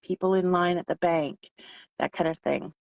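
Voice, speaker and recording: A woman whose voice is hoarse and giving out, talking informally as a trainer explaining sales tips. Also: on the low side, fairly even intonation, moderate pace, dry recording. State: losing her voice, hoarse. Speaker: sales trainer for direct-selling consultants.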